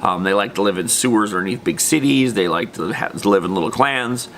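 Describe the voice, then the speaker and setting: Here the gaming presenter sounds low, brisk, and a bit bright. He walks through a tabletop game casually and without a script, using slang and drifting into loose side comments, and there's faint noise in the background.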